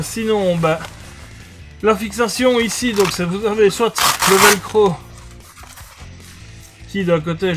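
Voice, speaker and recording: Hesitant man reviewing gear. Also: on the high side. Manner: hesitant, many fillers and restarts. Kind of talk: casual product review.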